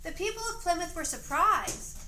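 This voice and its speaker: In a roomy, noisy home recording, a woman with a very high, sing-song voice and a sharp tone reads a story at a moderate pace. As narrator of a homemade family play, she coaches the others with off-the-cuff prompts to repeat lines.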